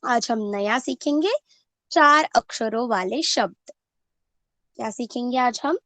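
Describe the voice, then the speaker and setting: A woman teacher runs an online class for first graders, slowly and clearly drilling words syllable by syllable and answering the questions she poses to the class herself. Her voice is a little high, bright and forceful, with no echo.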